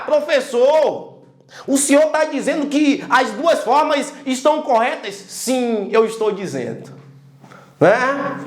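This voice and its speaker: A man teaching a lively video lesson, emphatic, calling out to his students and stretching out syllables to make a point. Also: very high voice. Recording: roomy echo.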